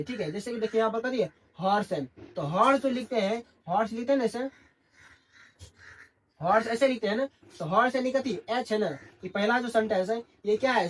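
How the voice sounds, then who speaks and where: Male tutor, call-and-response classroom delivery. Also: high-pitched. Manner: constantly asks and answers his own questions. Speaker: English grammar teacher. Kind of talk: classroom lesson in Hindi.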